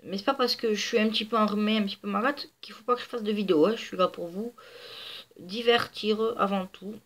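With a mid-range voice and a quick pace, this woman narrates gameplay for her gaming videos in a casual, chatty way. A cold leaves her sounding stuffy and nasal, and her rambling talk is full of fillers.

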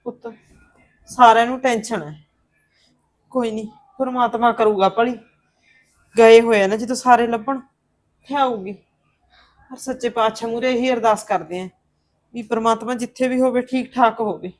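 An actress playing a kindly older aunt who calmly consoles her niece in a Punjabi drama. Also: on the high side, moderate pace, long pauses, natural voice. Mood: consoling. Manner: soothing, consoling.

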